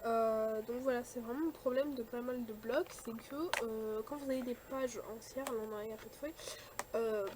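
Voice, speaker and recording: A young woman chatting casually through a shopping haul, full of fillers and quick likes and dislikes. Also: fairly high pitch, steady tone, background noise. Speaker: vlogger showing a shopping haul. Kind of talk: casual chat.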